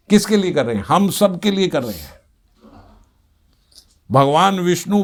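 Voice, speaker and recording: A man's voice: sits high, creaky. A man giving a devotional discourse, speaking earnestly and repeating phrases for stress, now and then acting out little everyday scenes. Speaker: spiritual speaker.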